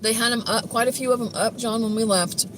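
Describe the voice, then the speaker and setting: A woman's voice: fairly high pitch, fairly even intonation, fast talker. A woman co-hosting a casual live stream from a car, chatting and reading viewer comments aloud. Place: inside a car on the road. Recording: car road noise.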